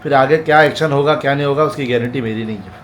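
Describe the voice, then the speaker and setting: A man's voice: medium pitch, fast talker, slight background noise. A man vlogging in casual Hindi talk, giving firm, pleading warnings and repeating his points.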